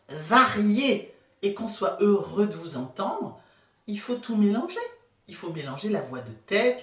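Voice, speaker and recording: Playful woman vocal coach, slow and roomy. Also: mid-range voice. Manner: playful, laughs at herself often; demonstrative, slides between registers. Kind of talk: vocal lesson with demonstrations. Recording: roomy sound from a distant mic, faint music.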